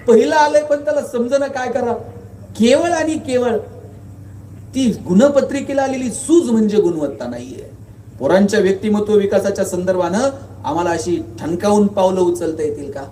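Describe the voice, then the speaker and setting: A man's voice: very high voice, dark tone. A man giving a motivational speech at a school function, telling humorous anecdotes and firing rhetorical questions at the audience. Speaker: guest speaker. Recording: echoey hall, voice from far off, faint noise.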